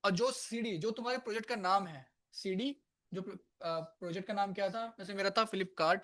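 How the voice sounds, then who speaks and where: In a live classroom lecture, a man with a high, fairly bright voice teaches programming at a moderate pace. His manner is relaxed and talkative as he alternately scolds, teases, and coaxes the class.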